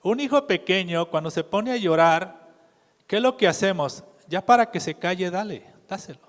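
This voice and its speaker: A man preaching a sermon in a measured way, often putting questions to the congregation. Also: high-pitched, lively intonation. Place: church hall. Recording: reverberant church hall.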